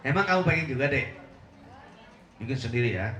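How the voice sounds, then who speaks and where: A man's voice: medium pitch, expressive, a little fast. A middle-aged man preaching a humorous sermon to a live congregation, teasing the audience and laughing often. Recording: echoey room with faint hum.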